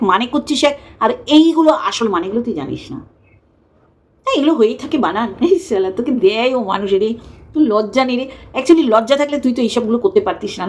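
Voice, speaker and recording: A woman's voice: on the high side, a little mellow. Scornful mocking woman ranting. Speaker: YouTube commentator. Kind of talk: casual ranting commentary.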